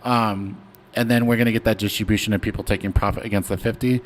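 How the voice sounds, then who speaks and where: A man's voice: fairly low pitch, steady tone, quick pace, slight background noise. A young man hosting a casual trading livestream, talking loosely with lots of fillers and slang. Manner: laid-back, rambling, slangy with many fillers. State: hiccuping. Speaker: stock trading stream host. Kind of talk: casual livestream chart talk.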